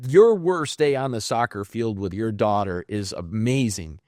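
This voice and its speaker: A middle-aged man hosting a podcast, talking in a relaxed, conversational way and often checking in with right. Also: on the low side, unhurried, no echo, studio quality. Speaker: podcast host. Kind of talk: casual conversation.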